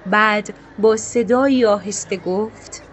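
A woman narrating a scripted story in a calm, measured, literary way. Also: mid-range voice, a little hiss or hum.

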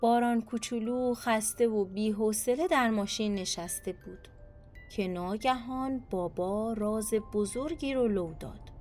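A woman storyteller hosting a children's podcast, narrating a scripted bedtime story in a soft, soothing way. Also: a little high, faint music behind.

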